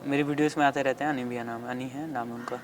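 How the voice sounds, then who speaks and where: A man's voice: mid-range voice, steady tone, quick pace. A young man in a prank video, coaxing and bossing his friend along. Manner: bossy, coaxing, hurrying others. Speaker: prank co-host. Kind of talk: casual prank banter. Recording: noisy street background.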